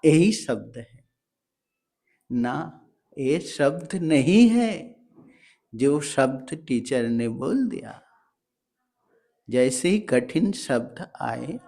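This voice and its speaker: A man gives a motivational lesson to parents at a slow, unhurried pace. His voice sits a touch high for a man, and he breaks hard words into drawn-out syllables as he explains. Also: warm tone. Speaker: teacher.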